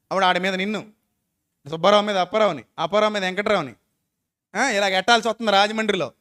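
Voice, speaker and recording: High-voiced man preaching a folksy sermon. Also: fairly bright tone. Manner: folksy, questioning the listeners directly, acting out quoted people. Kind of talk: sermon with closing prayer.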